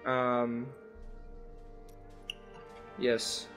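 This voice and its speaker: A young man with a sick, croaky voice, hosting casual gameplay commentary and rambling with lots of ums and uhs. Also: mid-range voice, completely flat delivery, very slow, fairly bright tone, faint music behind. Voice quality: rough, croaky voice. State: sick, under the weather. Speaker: gaming channel host.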